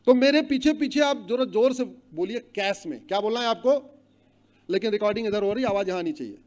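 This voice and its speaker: A middle-aged man giving a rousing public speech, loudly chanting long lists and asking the audience to repeat after him. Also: high voice, animated, brisk. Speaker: public speaker. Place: hall with an audience.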